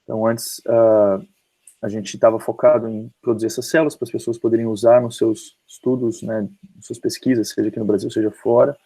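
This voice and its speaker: Man, brazilian accent, calm guest on a video call, monotone, dark voice. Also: on the low side, fairly quick, breathy edge, low-quality recording. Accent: Brazilian Portuguese. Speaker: company CEO guest. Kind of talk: online interview.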